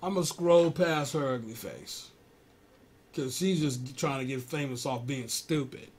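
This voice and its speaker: A man's voice: mid-range voice, measured pace, a little mellow, slightly rough. A comedian hosting a live web show, riffing on news stories and talking straight to his viewers in a casual, exasperated way.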